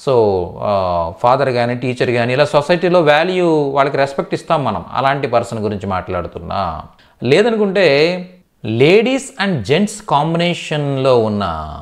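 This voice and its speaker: A man teaching a live online class, explaining step by step and often asking students whether they understood, drawing out syllables when he spells out sounds. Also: medium pitch. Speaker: Hindi teacher.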